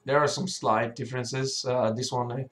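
A man who sounds sick, with a cracking voice, giving an informal, hesitant software tutorial. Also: mid-range voice, little pitch movement, moderate pace. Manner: hesitant, often stumbling and throat-clearing. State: sick, sore voice. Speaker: tutorial presenter, level designer.

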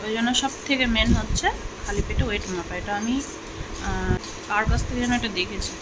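A Bengali woman in her thirties, a vlogger, chats casually to viewers at home indoors while cleaning and tidying. Her mid-range voice moves fairly quickly, and she keeps talking as she does the housework. The audio is very noisy.

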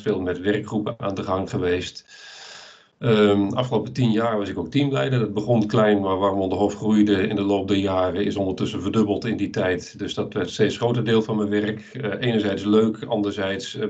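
Low-voiced man giving a webinar talk. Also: a little mellow. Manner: measured, explanatory. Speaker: lecturer presenting a webinar. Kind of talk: webinar presentation with slides. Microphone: video call. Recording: dull lo-fi video call audio.

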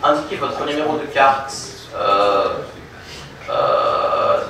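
A young man giving a live product demonstration at a meetup, halting with many fillers and restarts. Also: mid-range voice, big pitch swings, pushed and bright, a little hiss or hum. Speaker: presenter. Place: conference room with audience, projector screen. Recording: very echoey room from a distance.

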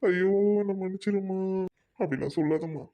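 Here is a man voicing a softened, remorseful widowed father in an amateur drama. The voice sits somewhat high and sounds mellow and dark in tone. Every word comes slowly and heavily, like an apology. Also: natural voice. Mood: tender.

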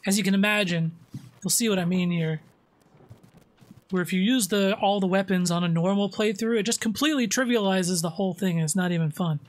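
A man hosting a casual co-op gameplay stream from home, joking and swearing as he talks. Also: sits high. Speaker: streamer host.

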